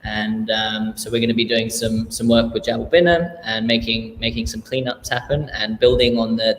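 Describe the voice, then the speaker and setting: A man with an Australian accent, a charity founder talking casually in an interview, relaxed and rambling with many fillers and restarts. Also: mid-range voice. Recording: echoey room with faint noise.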